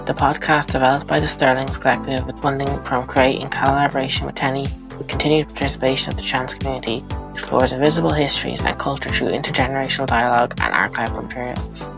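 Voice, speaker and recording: Gravelly-voiced woman podcast co-host. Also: very deep voice, fairly even intonation, over music, rough recording. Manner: halting, searching questions. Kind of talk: podcast hosting and questions.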